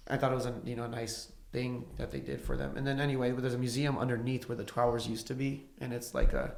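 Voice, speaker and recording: A man talking as a musician guest on a podcast, telling stories in a loose, animated way and swearing freely. His voice sits at an ordinary middle pitch. The recording has a roomy echo around it. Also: vocal fry. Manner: profane, animated storytelling. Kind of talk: casual podcast chat.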